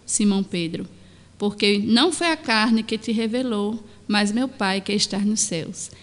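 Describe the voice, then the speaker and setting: A woman reading the lines of a calm, gentle male spiritual teacher, close to her own voice. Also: mid-range voice, measured pace, long reverb tail, close to an everyday voice.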